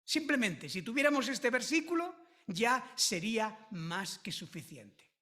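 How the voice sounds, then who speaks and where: A woman from preaching a sermon, slow and emphatic, repeating key phrases with drawn-out stress. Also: a little high, very animated, sharp tone.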